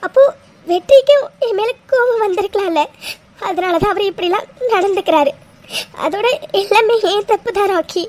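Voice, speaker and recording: A woman voices a heartbroken young cartoon woman in a very high, squeaky, darkish-toned voice at a moderate pace. The character is tearful and blames herself, sobbing throughout so her words come out wet with crying. It's cartoon voice acting.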